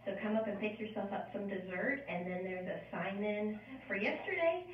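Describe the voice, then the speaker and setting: A woman's voice: medium pitch, normal speed. Woman announcing over a PA system. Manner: announcing to the whole building. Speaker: school staff making an announcement. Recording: echoey distant loudspeaker, dull sound.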